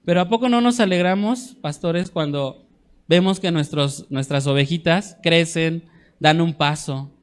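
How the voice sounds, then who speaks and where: A man teaching a church discipleship class, earnest, often checking in with his listeners and slowing down to stress scripture. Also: a little high, clean tone.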